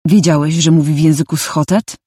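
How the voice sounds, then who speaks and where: A woman voicing a menacing, mocking male warrior leader in an audiobook, with a slow, taunting delivery. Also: low voice, steady tone, mellow, breathy edge, no echo, studio quality.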